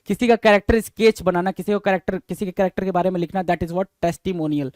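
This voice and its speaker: A man teaching an exam-prep vocabulary lesson, who reads definitions slowly, then explains in quick asides and spells words letter by letter. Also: sits high, fairly even intonation, darkish tone, no room sound. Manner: addresses listeners as "bhai".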